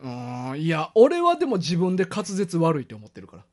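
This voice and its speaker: A man with a Kansai accent and a nasal, throaty voice, co-hosting a casual chat show with blunt, deadpan teasing. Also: fairly high pitch, fairly quick. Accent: Kansai Japanese. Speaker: radio show co-host.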